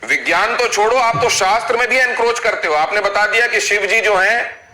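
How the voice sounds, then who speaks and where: A woman's voice: mid-range voice, fairly quick, pushed and bright, reverberant, a little hiss or hum. A woman news anchor grilling a guest with pointed, interrupting questions. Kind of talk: confrontational TV interview.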